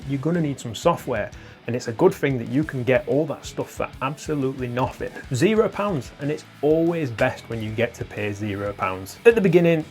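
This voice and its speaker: A man's voice: mid-range voice, darkish tone. A young British man hosting a guitar channel, talking gear casually, swearing and laughing at his own jokes. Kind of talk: casual gear talk to camera.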